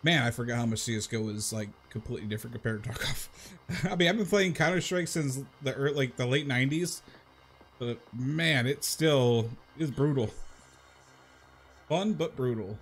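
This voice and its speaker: Soft music plays under this thirtysomething livestream host, whose mid-range voice keeps a normal speed. Talking informally to his viewers during gameplay, he tends to ramble and say things more than once.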